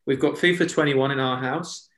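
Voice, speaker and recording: A man's voice: medium pitch, fairly even intonation, moderate pace, a bit bright. A man, co-hosting a casual podcast chat and telling jokey, self-deprecating stories. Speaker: podcast co-host. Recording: echoey room.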